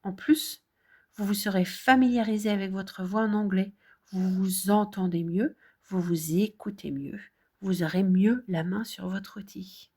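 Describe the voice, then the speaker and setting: A middle-aged woman from France giving a casual video lesson as an English teacher, talking in a direct, encouraging way with lively emphasis. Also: mid-range voice, unhurried.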